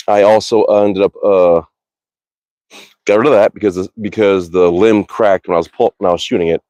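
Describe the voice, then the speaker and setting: Male archery streamer, casual and rambly with swearing, lowish voice, dry sound. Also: a little mellow, no echo. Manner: rambling, swears freely, reads viewer comments aloud. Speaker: archery livestreamer. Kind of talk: casual livestream chat. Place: outdoors in a cold, windy backyard.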